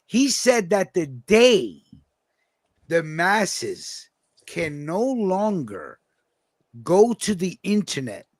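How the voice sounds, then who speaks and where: A man from New York hosting a casual podcast chat with a loose, profane, drawn-out way of telling a story. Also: high-pitched, big pitch swings, no echo. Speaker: podcast host.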